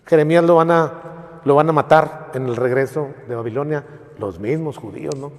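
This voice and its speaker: A priest with a slightly high voice retells Bible stories at a normal speed, in a colloquial storytelling style, often checking in with his listeners during this informal Bible teaching. The recording has the long reverb of a large hall.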